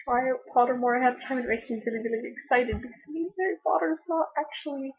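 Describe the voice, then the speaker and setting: A woman's voice: high voice, steady tone, quick pace, breathy edge. A young woman vlogging casually from home, rambling chattily with lots of fillers and restarts, recorded on a laptop webcam. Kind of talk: casual chat to camera. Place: at home, laptop on her knees. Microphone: laptop webcam mic. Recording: dull lo-fi webcam audio.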